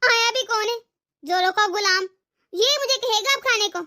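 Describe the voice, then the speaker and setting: A woman's voice: very high-pitched, normal speed, sharp tone. A woman voicing a bossy, stubborn older mother-in-law in a cartoon, taunting and melodramatic. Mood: threatening. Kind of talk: cartoon voice acting.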